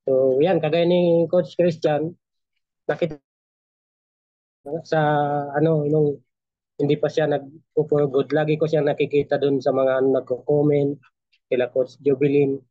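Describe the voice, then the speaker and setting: Halting man on a dull, dry call. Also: on the high side, flat delivery, dry recording. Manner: halting, hesitant, many fillers. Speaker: guest speaker in a team meeting. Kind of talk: casual testimonial on a video call.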